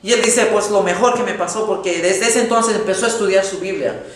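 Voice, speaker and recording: A man preaching a sermon, telling a story with dramatic swings between loud exclamations and hushed tones. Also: high voice, fairly quick, distant mic. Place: large echoey church hall. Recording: very echoey hall, faint noise.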